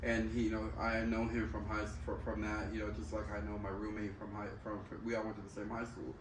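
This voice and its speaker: A man's voice: on the low side, completely flat delivery, fast. A man talks in a loose, candid, slangy way, circling back over his phrases and swearing freely. He sounds set back from the microphone in a roomy space, with faint noise behind him. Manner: candid, profane, slangy, repeats himself. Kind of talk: casual chat. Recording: roomy, distant mic, faint background noise.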